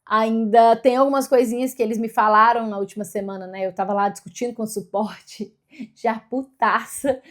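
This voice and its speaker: Woman vlogger, fairly high pitch, upbeat and chatty, restarts her sentences often. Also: steady tone, fairly quick, hardly any pauses. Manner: chatty, self-correcting, upbeat. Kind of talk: casual vlog talk to camera.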